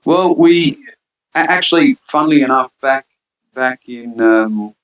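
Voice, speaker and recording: A man's voice: mid-range voice, measured pace, fairly bright tone, muffled recording. A man who grew up between Switzerland and Australia, a band singer chatting casually as an interview guest, rambling with many fillers and restarts.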